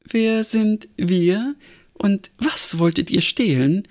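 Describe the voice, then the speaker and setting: A man voicing a wary, sharp-tongued woman sleuth who presses with sarcastic questions. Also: high voice, takes it slowly, pitched above the performer's own voice. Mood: insistent.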